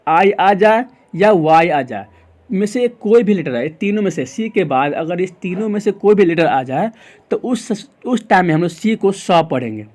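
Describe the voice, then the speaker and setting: A man's voice: high voice, lively intonation, normal speed, darkish tone. A man with an Indian English accent teaching a pronunciation lesson, asking the class questions and answering them himself, repeating each rule. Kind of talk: explaining lesson in Hindi.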